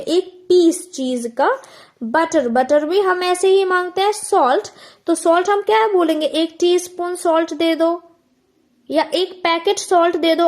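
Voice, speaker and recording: A woman's voice: very high-pitched, a little mellow. A woman teaching an English grammar lesson. She asks the listener questions and answers them herself, and she repeats key words. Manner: slows down and stretches out example phrases.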